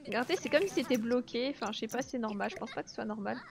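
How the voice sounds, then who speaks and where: A woman's voice: on the high side, expressive, fast, creaky. Chatty woman streaming a life sim. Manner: chatty, laughs often, reads and answers chat. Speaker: let's play streamer. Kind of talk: casual live gameplay commentary.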